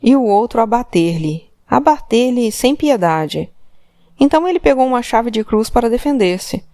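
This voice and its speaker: In a studio-quality audiobook recording with no echo, a woman voices an old, timid, ashamed Portuguese immigrant father, pitching above her own voice into a slightly high register. Her tone is dark and subdued, unhurried but with big pitch swings, as he answers in short, hesitant words.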